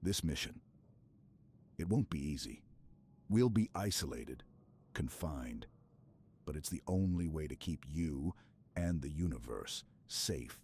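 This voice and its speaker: A man playing Master Chief as a stoic, protective armored super-soldier in a scripted ASMR roleplay, speaking in a steady, clipped, reassuring military manner. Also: rumbling low, slow, pauses often, heavily acted. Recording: clear background ambience noise.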